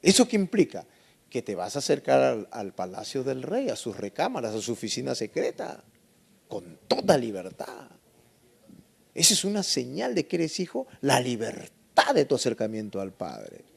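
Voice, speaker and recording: A man's voice: medium pitch, wildly swooping pitch, normal speed, vocal fry, husky. A man preaching a Bible lesson sermon, emphatic and asking the congregation rhetorical questions.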